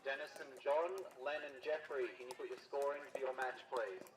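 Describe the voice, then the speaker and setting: A man with an Australian accent making booming tournament announcements over a public address loudspeaker, heard from across the venue. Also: steady tone, slight background noise, poor audio. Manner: booming, drawn-out calls. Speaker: tournament director. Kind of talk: venue announcements calling players to courts.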